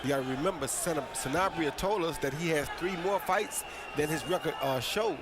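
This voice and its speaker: A man's voice: fairly high pitch, normal speed. A man giving casual live analysis during a boxing match. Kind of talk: casual live sports commentary.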